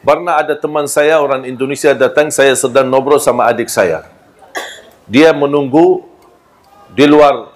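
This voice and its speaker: A man's voice: medium pitch, moderate pace, pauses often. Arabic-accented man preaching with humor. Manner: lively storyteller who acts out quoted voices and jokes with listeners. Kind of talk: humorous sermon.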